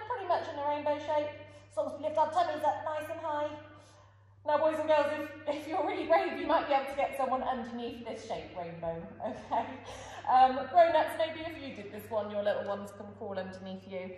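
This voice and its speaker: A woman's voice: sits high, a little mellow. A woman in her thirties instructing young children like an upbeat kids show host, encouraging and sing-song while demonstrating moves. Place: large indoor gymnastics hall. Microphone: far camera. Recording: very echoey hall from a distance, faint noise.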